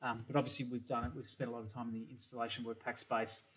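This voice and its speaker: A software company principal, middle-aged and Australian, races through a recorded product presentation in a small room. His mid-range voice is pushed and bright yet flat in delivery, and he keeps saying um and repeating words. The webcam audio is slightly dull.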